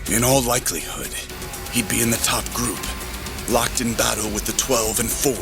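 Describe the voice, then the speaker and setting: An actor playing a rueful, analytical male racing strategist in an anime dub, speaking deliberately. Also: mid-range voice, fairly even intonation, creaky, music in the background, natural voice. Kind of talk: anime dub inner monologue.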